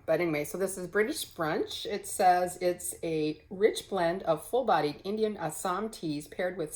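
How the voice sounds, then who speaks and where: A woman's voice: low-pitched, low-quality recording. A woman chatting casually to camera at home in a crafting vlog, rambling with many fillers and self-corrections. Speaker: cross-stitch vlogger. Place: home, early morning.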